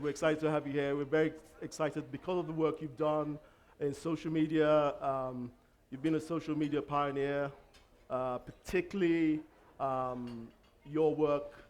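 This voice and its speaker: A man hosts an onstage interview. His voice is a little high for a man, and he speaks informally, in halting phrases that he often reworks. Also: a little mellow. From Lagos, Nigeria. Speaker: interviewer, event moderator.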